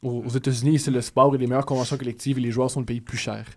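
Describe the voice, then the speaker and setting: A man giving a joking radio column, talking fast and animated. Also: medium pitch. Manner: quick, animated, joking, often laughing. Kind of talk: comic radio chat.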